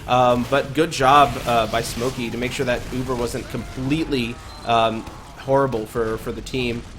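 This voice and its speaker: A man giving casual play-by-play commentary on a live esports match, talking quickly with frequent fillers. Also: mid-range voice, flat delivery, over music. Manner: quick, chatty, many fillers. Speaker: esports caster.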